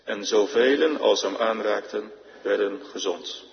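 A man giving a solemn, measured reading of scripture in church. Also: lowish voice, vocal fry, a little hiss or hum. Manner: measured, formal. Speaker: scripture reader. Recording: reverberant, dull lo-fi church recording.

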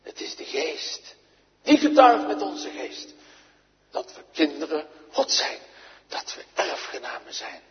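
A pastor preaches in a fairly high, widely swinging voice, rising to loud proclamation and then dropping to a near hush. The recording is slightly muffled and carries the long echo of a large church. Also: male voice, big pitch swings, unhurried. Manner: swings from loud proclaiming to quiet intimate speech. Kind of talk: sermon and prayer. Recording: dull sound with long church reverb.

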